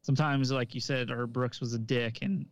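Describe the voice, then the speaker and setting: A man with a smooth, resonant voice co-hosts a casual podcast and talks about coaching. He speaks easily, hedging his points and filling them with "like" and "um". The recording is dull and lo-fi, with a very dry sound. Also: mid-range voice, steady tone, moderate pace, no room sound. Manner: easygoing, hedging, fills with "like" and "um". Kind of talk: casual chat.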